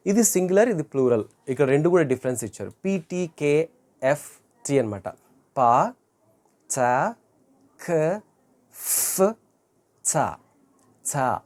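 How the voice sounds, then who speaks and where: An English teacher giving an online grammar lesson, repeating each word slowly to model pronunciation and correcting wrong forms. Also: mid-range voice, animated, darkish tone.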